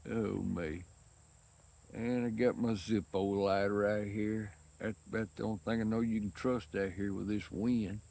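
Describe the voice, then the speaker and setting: A man's voice: lowish voice, steady tone, slow, creaky, long pauses, dark tone. A worn-out man talking casually outdoors on a windy day, rambling in a folksy rural way about his pipe. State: worn out and sweaty from work. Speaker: pipe-smoking vlogger.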